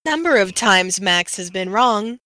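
A woman putting on the flat, computer-processed voice of an automated female robot announcer. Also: medium pitch, a little slow. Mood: robotic. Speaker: podcast co-host.

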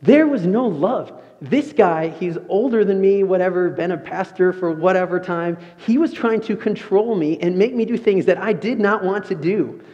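A man's voice: sits high, moderate pace, hardly any pauses. Young male pastor preaching in an echoing hall. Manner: animated storytelling. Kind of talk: sermon. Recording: muffled sound, long reverb of a large room.

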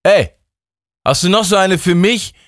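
Man doing a squeaky cheeky young guy. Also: very animated, normal speed, a bit bright, no echo, clean studio sound.

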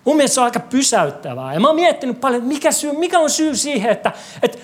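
A preacher delivering a sermon in a church hall, asking the congregation lively rhetorical questions and adding wry, joking asides. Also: high-pitched.

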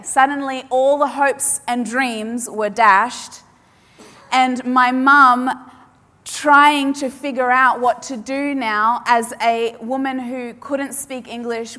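A native Polish speaker, this woman preaches emphatically, repeating key lines with dramatic pauses for effect. Her slightly high voice sounds pushed and bright. A large hall lends her sermon a long, echoing reverb.

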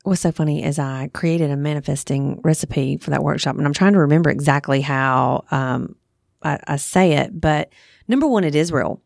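Low creaky-voiced woman podcaster. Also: moderate pace, a little mellow, no room sound, studio quality. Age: 30s to 40s. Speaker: podcast host. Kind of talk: casual conversational podcast chat.

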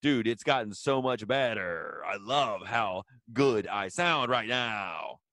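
A man's voice: lowish voice, expressive, slow pace, a bit bright, no room sound, studio quality. A young man co-hosting a podcast, joking and teasing his friend in casual, profane banter. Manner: joking, teasing, swearing often. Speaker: podcast co-host.

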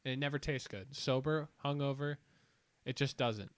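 A young man from Northeast Ohio with a Northeast Ohio accent, co-hosting a casual podcast chat in a low-key, deadpan teasing way. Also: normal speed, no room sound. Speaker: podcast co-host.

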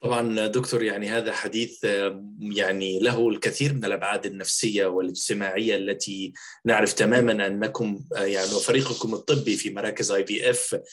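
A man's voice: fairly low pitch, steady tone, quick pace. A man hosting an interview, putting long, formal and courteously worded questions to his guest. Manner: formal, wordy, courteous phrasing. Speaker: interviewer, host.

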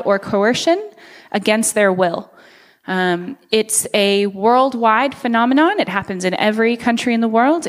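American woman in her 30s giving a church talk, friendly, lots of uhs, long echo from a big hall. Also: mid-range voice. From United States. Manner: earnest, friendly, with many filler uhs. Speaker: nonprofit speaker at a church. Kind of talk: presentation to a church congregation.

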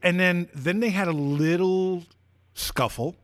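A man's voice: high voice, a little slow, no room sound. A man co-hosting a comedy talk show, telling an anecdote with animation and acting out the quotes. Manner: animated storyteller, acts out the quotes. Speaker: co-host. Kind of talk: casual podcast storytelling.

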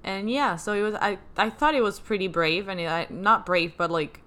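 A woman's voice: mid-range voice, normal speed, pushed and bright. A young woman co-hosting a casual celebrity news chat, hesitant and full of fillers. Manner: hesitant, many fillers and restarts. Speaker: co-host.

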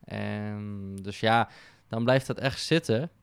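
A man with a low, gravelly voice that still sounds smooth and resonant is talking as a podcast guest. He speaks reflectively, often pausing on fillers and starting sentences over. The recording is dry and close on the microphone. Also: no echo. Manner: reflective, with frequent fillers and restarts. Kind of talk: casual podcast conversation.

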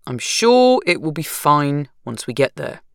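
Brief: woman reading an unflappable husband, soothing and affectionate, low-set voice, dry close sound. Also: big pitch swings, unhurried, vocal fry, clear, resonant tone, dry recording, full character voice. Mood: calm. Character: calm, laid-back, patient husband.

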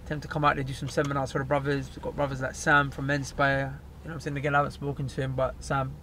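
A man's voice: mid-range voice, monotone, racing, pushed and bright, slight background noise. A man with an urban London roadman accent chatting casually in emphatic, repetitive street slang. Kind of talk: casual chat.

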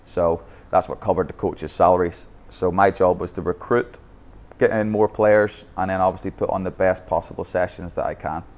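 In a podcast interview, a Bangkok-based youth football academy founder from Northern Ireland shares his coaching story openly, restarting often. His low, darkish voice keeps a steady tone at a moderate pace, with few pauses, and carries a Northern Irish accent.

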